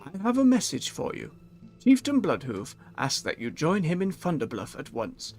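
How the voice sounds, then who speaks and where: A man voicing a solemn, formal tauren spirit walker from a fantasy game, giving a summons in measured words. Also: on the high side, wildly swooping pitch, a little mellow, faint music behind. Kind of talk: read-aloud video game quest dialogue.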